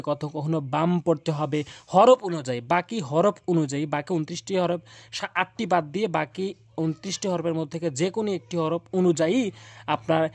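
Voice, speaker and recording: A man teaching Quran pronunciation in a spoken video lesson, drilling syllables slowly and repeatedly with hesitant pauses. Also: on the high side, no echo. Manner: slow, repetitive drilling of syllables with frequent "ah" pauses.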